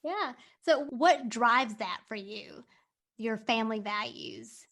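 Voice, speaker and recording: High-voiced upbeat woman podcast host. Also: expressive, slow, a bit bright. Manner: enthusiastic, affirming.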